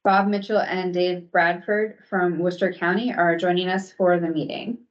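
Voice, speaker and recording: A woman on the commission staff gives a formal, measured briefing with a few hesitant ums, heard through remote video-call audio from a recorded online meeting. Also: lowish voice, fairly even intonation, dull audio.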